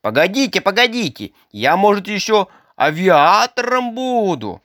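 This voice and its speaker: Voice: sing-song, a little slow, fairly bright tone, no echo, studio quality. A reader voicing a small boy stuck under the sea, frightened yet trying to act bold, in a storybook reading. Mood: boasting. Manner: higher, childish pitch.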